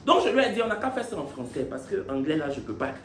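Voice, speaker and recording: A man telling a story in a playful, animated way and laughing often. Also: on the high side, fast, reverberant, over music. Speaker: vlogger. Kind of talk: casual storytelling.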